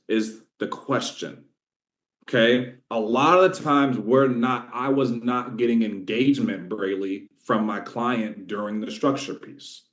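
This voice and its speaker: A man runs a casual training session for salespeople, speaking at a middle pitch. He is emphatic and coaching, and he keeps checking that his listeners follow. The recording carries a roomy echo. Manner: coaching, emphatic, talks to trainees directly with frequent check-ins.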